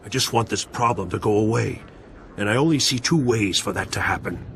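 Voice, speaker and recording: A man voicing a wary male bounty hunter, defensive and gruff as he talks his way out of trouble. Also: lowish voice, brisk, a bit bright, slight background noise.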